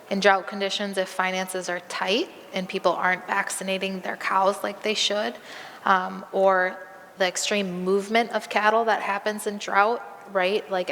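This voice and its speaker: A woman veterinarian takes audience questions in a large hall. Her voice has a gravelly, fry-filled edge, and she sounds a little strained, as if she is losing it. The sound carries a long reverb with a faint hiss of room noise. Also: medium pitch, fairly bright tone. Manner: conversational, many um fillers, practical. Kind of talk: live Q&A at a presentation.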